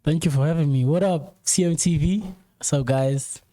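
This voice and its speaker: A man's voice: on the high side, normal speed, dark tone. A man, a guest on a casual chat show, talking emphatically in slang and often repeating or restarting his phrases. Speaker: guest, camera operator.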